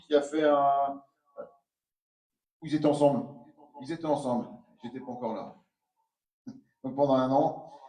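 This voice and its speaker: A man giving a halting welcome speech as co-president of a tournament. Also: on the high side, darkish tone. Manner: slow, halting, many fillers. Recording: echoey hall from far off, faint noise.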